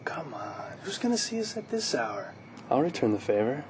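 A man's voice: on the high side, lively intonation, moderate pace, noisy background. A young man acting a pleading, persistent boyfriend in a naturalistic commercial. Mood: coaxing. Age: young adult.

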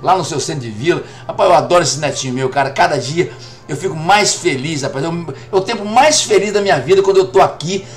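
Over soft background music, a man talks fast in a voice on the high side. He is a Brazilian in his fifties, joking in Brazilian Portuguese with viewers of his live gameplay stream and saying "rapaz" repeatedly.

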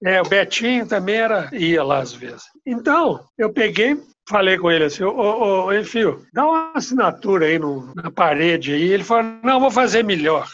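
A man's voice: sits high, sing-song, normal speed, hardly any pauses, music in the background. An older man from recalling old stories over a video call, hesitant and trailing off. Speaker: father telling family stories. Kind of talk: casual recollection. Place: home room, indoors. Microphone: laptop webcam on video call. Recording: dull lo-fi video call audio.

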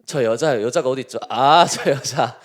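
A male pastor giving a sermon to children, speaking in a lively way and constantly asking them questions. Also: mid-range voice, normal speed.

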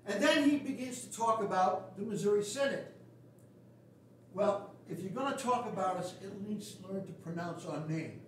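An older man preaches as pastor in a small wooden church, his manner blunt, folksy and sarcastic. His voice is high-pitched and animated at a moderate pace, with a faint hiss or hum. A far camera at the back of the pews catches him, so the church sounds echoey and distant.

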